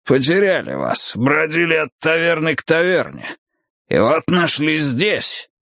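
A menacing male gunman from an audiobook thriller, voiced by a man, rasping and breathless, his strained voice pushed up high as he snaps out commands. Each phrase comes out hoarse, as if air is running short, and he sounds like he is fighting his own chest to keep talking. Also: wildly swooping pitch, unhurried, fairly bright tone, no room sound, studio quality, heavily acted. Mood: gruff. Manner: barking orders, gasping between words. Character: wheezing menacing male thug with a gun.

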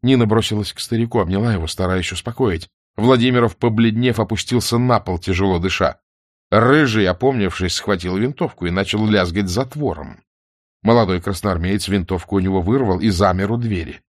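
Expressive male audiobook narrator, low voice. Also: a little fast, no echo, clean studio sound.

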